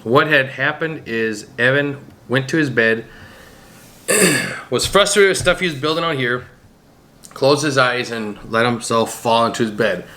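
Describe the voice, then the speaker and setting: A man's voice: mid-range voice, a little slow, sharp tone. A man explaining on a family vlog in a plain, casual storytelling way. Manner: plain explaining, with ums and asides. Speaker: vlogger, father.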